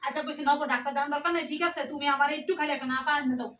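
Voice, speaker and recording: A woman's voice: sits high, steady tone, racing, fairly bright tone. A woman vlogger performing in a comedy skit, speaking with a complaining, pleading manner. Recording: roomy, voice from a distance.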